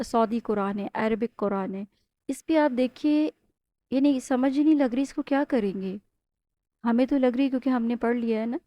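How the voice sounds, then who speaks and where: A woman teaches Quran recitation in a patient, step-by-step way, often checking in with "ok?". Her voice sits fairly high but has a mellow, soft tone, and she stretches out the Arabic words slowly as models. The recording is dry and close. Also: dry recording. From Pakistan. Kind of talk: step-by-step Tajweed lesson.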